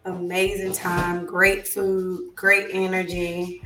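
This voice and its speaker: A woman with a hoarse, worn-out voice, chatting casually and excitably in slang as host of a talk show. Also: fairly low pitch, slow, echoey room, music in the background. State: hoarse, voice nearly gone. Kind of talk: casual co-hosted chat show.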